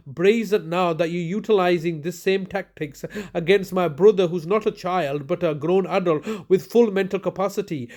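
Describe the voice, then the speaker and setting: A man's voice: high voice, a little mellow. A man leaving a long voicemail, angry and accusatory, stumbling over his words with many fillers and restarts. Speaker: caller. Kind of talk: ranting phone message.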